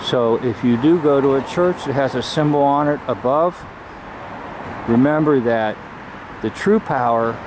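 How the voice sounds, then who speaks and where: A man talks earnestly in a measured, explanatory way as he films a building from outdoors. His voice sits at an ordinary pitch. Traffic and outdoor hum run clearly behind him on the camera mic. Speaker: video host. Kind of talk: filmed religious commentary. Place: outdoors by a church. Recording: outdoor street noise behind.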